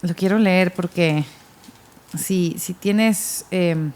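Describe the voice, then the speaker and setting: A woman's voice: lowish voice, extremely slow, a little mellow. Earnest woman discussing scripture. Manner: earnest, reads from her notes, repeats words when starting. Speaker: podcast co-host. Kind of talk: casual Bible discussion.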